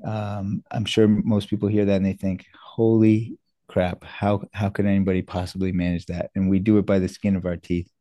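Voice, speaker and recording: A man's voice: sits low, little pitch movement, moderate pace, warm tone, no echo. A middle-aged man from New York, a guest surgeon telling his story in a casual interview, earnest and self-deprecating. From New York, USA.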